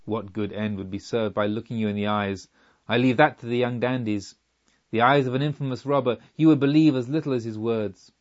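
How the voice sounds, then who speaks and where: A man voicing a fierce, chained robber chief who speaks gruffly and growls, rising to a booming call. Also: steady tone, fairly quick, highs cut off, natural voice. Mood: scornful. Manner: grows loud and booming in his invocation.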